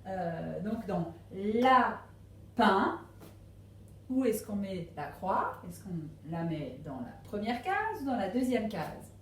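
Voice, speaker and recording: A woman teaching a phonics lesson to young children at a distance, speaking slowly and patiently and stressing each syllable. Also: mid-range voice, sing-song, darkish tone, roomy sound, a little hiss or hum. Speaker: primary school teacher. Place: classroom with a board.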